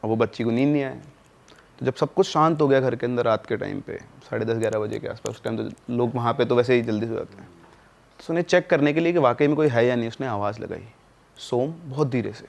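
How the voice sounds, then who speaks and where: Telling a true scary story in a relaxed, chatty manner, a man drops his voice low at the tense moments. He talks fast, with a creaky, mid-range voice.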